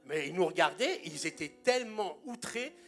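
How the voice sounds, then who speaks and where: A man's voice: on the high side, lively intonation, moderate pace, faint music behind. A man in his sixties, a pastor preaching a sermon in a church and telling humorous anecdotes with punchlines.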